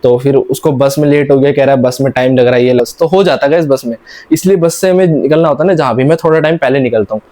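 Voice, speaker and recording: A man's voice: mid-range voice, fast talker, mellow. A young man from India telling a rambling, casual vlog story with many restarts. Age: young adult. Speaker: vlogger.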